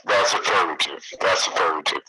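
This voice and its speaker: A fairly low-voiced man comes through a two-way radio with distortion. The signal carries clear static and noise. He repeats his calls and tags lines with "okay". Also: brisk. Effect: heard over a two-way radio with distortion. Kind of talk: radio check-in.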